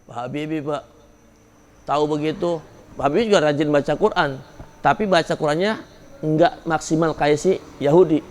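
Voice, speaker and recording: A man's voice: a little high, fairly even intonation, normal speed, pauses often, a little mellow. A man preaching a sermon at a religious study gathering, turning to his listeners with casual colloquial asides and rising sharply when he scolds. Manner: casual colloquial asides addressing the men in the audience.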